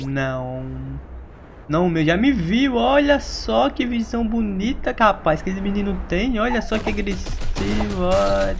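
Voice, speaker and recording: A man with a Brazilian accent, a gaming YouTuber giving chatty, excitable gameplay commentary and laughing often. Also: sits high, gravelly. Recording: noisy background.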